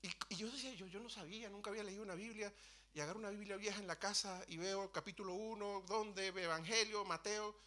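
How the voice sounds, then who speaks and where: A man preaching in a church, recounting his own story earnestly. His voice is fairly high and very bright and ringing, and he often stumbles and restarts mid-phrase. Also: fairly even intonation, fast talker. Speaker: preacher sharing testimony. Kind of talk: sermon testimony.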